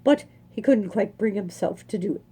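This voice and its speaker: In a mid-range, dark-toned voice with a slight roughness, a woman reads a children's storybook aloud. She performs it expressively, savoring the language and leaning on dramatic emphasis and pauses.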